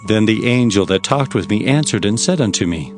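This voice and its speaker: A man playing an earnest prophet who recounts his visions in formal, expressive storytelling for dramatized scripture. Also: lowish voice, a little fast, natural voice. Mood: awed, questioning. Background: faint music.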